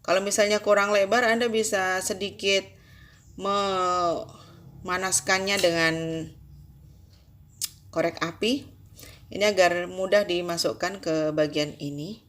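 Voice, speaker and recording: Lady walking you thru machine care, lowish voice, slow and patient. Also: fairly even intonation, a bit bright. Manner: slow, instructive, addresses viewer formally. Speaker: sewing tutorial host. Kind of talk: step-by-step tutorial narration.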